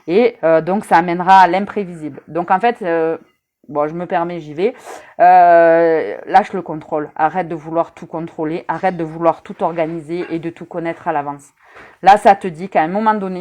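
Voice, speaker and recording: Low-pitched chatty woman reading runes. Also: steady tone, normal speed, darkish tone. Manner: chatty and teasing, addresses viewers directly; frequent hesitation fillers. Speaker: rune reader. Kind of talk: casual live-stream rune reading.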